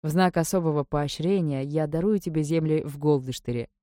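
A woman's voice: deep voice, brisk, warm tone, no room sound, clean studio sound, natural voice. A woman reading the lines of a cold, stern male ruler who speaks curtly and will not yield. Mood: cool. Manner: cold, curt, commanding.

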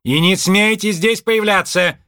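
A man voicing a furious middle-aged shopkeeper woman in an audiobook, scolding loudly. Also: mid-range voice, brisk, no room sound, clean studio sound, voice pushed up, natural voice. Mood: angry. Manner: shouting, scolding. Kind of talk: audiobook character voice.

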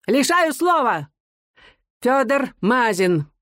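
A reader voicing an irritable old male judge with a thin, shrill, slow drawn-out voice in a storybook reading. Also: big pitch swings, fairly bright tone, dry recording, studio quality, exaggerated voice. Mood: irritated.

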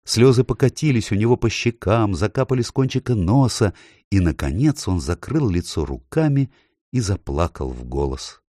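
A man reading a children's storybook aloud with an expressive, lilting delivery. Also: on the low side, moderate pace, dry recording, clean studio sound. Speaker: audiobook narrator. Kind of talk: storybook narration.

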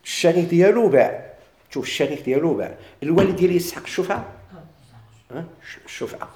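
رجل بلهجة مغربية يلقي درساً في الفرائض، يكرر المصطلحات ويسأل طلابه. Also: male voice, fairly high pitch, animated, rapid-fire, dark tone, echoey room. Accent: Moroccan Arabic. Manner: repeats key terms, quizzes students. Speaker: teacher of Islamic inheritance law. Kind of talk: classroom lecture, questions and answers.

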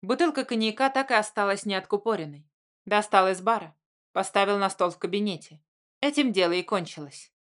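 An audiobook narrator with a medium-pitched female voice reads a novel aloud. Her scripted narration is measured and even, in a storytelling style.

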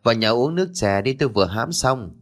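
A man's voice: mid-range voice, lively intonation, fast, faint music behind, natural voice. A man voicing a kindly older village neighbour who offers tea and asks about the family. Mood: concerned. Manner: hospitable, concerned.

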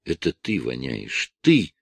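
A man reading an audiobook voices a bitter, nagging middle-aged wife who scolds in a shrill, raised voice. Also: sing-song, normal speed, creaky, dry recording, heavily acted. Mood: furious.

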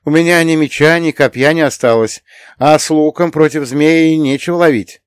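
An earnest young warrior, flustered and raised a little in pitch, as a male audiobook reader puts him on. He speaks plainly and sincerely, in a dry, close recording. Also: moderate pace, clear, resonant tone, no echo, lightly acted.

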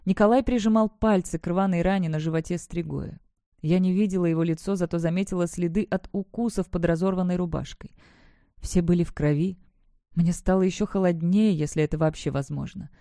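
An expressive audiobook reader narrating a novel in the first person with a dramatic touch. The voice is mellow and unforced, recorded dry and close with no room sound. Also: mid-range voice, brisk, no echo.

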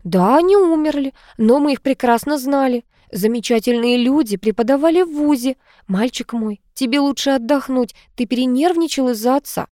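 A woman voicing an older mother, gentle and anxious, soft and pleading in manner. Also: high-pitched, expressive, normal speed, no room sound, clean studio sound, pitched above the performer's own voice.

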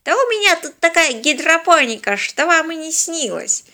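A woman reading an audiobook and voicing a scoffing, stubborn old hermit man, drawn out and higher than her own voice. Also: very animated, normal speed, pushed and bright, heavily acted. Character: cranky old hermit grandpa, mocking and stubborn.

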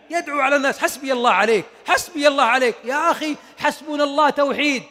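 Man, sermon, bright sharp tone, long echoing hall reverb, impassioned. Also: extremely high pitch. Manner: impassioned, swinging from hushed to shouting. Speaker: preacher.

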